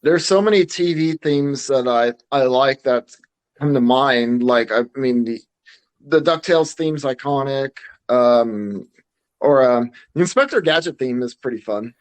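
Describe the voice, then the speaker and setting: An unhurried man of medium pitch co-hosts a podcast. The conversation is casual, and he hesitates a lot, restarting what he says again and again.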